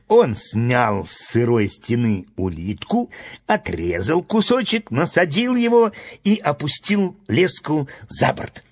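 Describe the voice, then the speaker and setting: A man narrating a storybook aloud in an expressive, dramatic way. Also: medium pitch.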